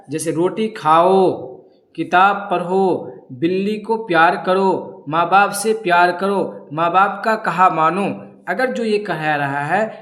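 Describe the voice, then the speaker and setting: Grammar teacher, quizzing himself, echoey room. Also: male voice, on the high side, a bit bright. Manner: drills by asking questions and answering them himself. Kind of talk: classroom lesson.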